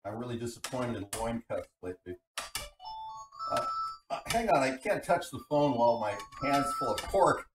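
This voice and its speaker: A man's voice: medium pitch, big pitch swings, normal speed, over music. Man on a distant, tinny mic. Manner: rambling, folksy, breaks off to read chat. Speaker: livestream cooking host. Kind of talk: casual cooking chat to live viewers. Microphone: computer microphone, away from the mouth. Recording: tinny computer mic, distant, background noise.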